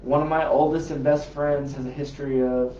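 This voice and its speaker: A man's voice: medium pitch, fairly quick, crowd noise. Rambling man on a roomy live stream. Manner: animated, rambling storyteller with restarts. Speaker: paranormal investigation group host. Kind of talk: casual live-stream chat. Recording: roomy, distant, slightly dull live-stream audio.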